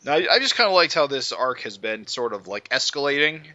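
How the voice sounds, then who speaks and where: A man talking casually about comics on a podcast, giving brief replies and steady explanations. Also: medium pitch, fairly quick, no echo, dull audio.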